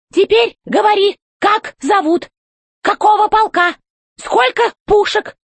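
A shrill, squeaky robot commander, as a woman reader puts him on, rusty and bossy, barking orders in a storybook reading. The voice leaps very high and swings wildly. The sound is dry and close. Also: no echo, heavily acted. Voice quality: creaky, squeaky voice. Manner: barks orders, shouts.

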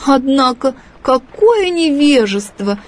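A woman's voice: sits high, very animated, takes it slowly, voice pushed up, exaggerated voice. A woman putting on a huffy haughty big fish. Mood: offended. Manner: huffy, indignant, snorting. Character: big prim touchy fish, fussy and haughty. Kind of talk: storybook reading.

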